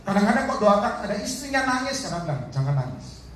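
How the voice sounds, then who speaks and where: Animated preacher man in echoey hall. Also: very high voice, quick pace. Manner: animated, addresses the congregation directly and repeatedly. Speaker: evangelist preacher. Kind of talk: sermon. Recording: echoey hall from far off, faint noise.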